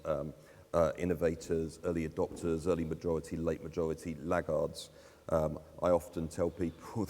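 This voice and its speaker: A low, mellow-voiced man addresses a conference audience in an easygoing way, with ums and short laughs between points. His voice carries a long reverb from the hall. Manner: conversational, with fillers and self-deprecating laughs. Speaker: conference speaker. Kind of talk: live talk at a conference.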